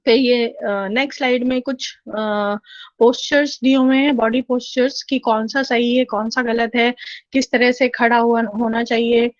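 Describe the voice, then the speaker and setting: Woman lecturer, slightly high voice, dry and dull lo-fi recording. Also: steady tone, unhurried, dry recording. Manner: explanatory, frequent 'theek hai' check-ins. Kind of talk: recorded lecture over slides.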